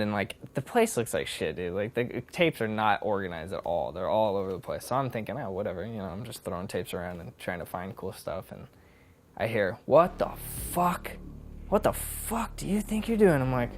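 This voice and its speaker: A man being interviewed, telling a story in an excitable, profane way. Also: fairly low pitch, brisk.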